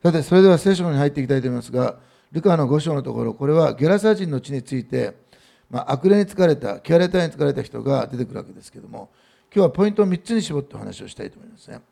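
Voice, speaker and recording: Middle-aged guy pastor, super gravelly voice, rambly casual sermon talk at church. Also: fairly high pitch, lively intonation, quick pace, warm tone. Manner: loose, conversational preaching with fillers and asides. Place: church service.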